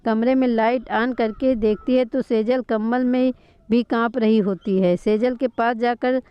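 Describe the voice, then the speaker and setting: A woman calmly narrating a scripted family drama story. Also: fairly high pitch, unhurried, clean tone, no echo. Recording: dull lo-fi recording.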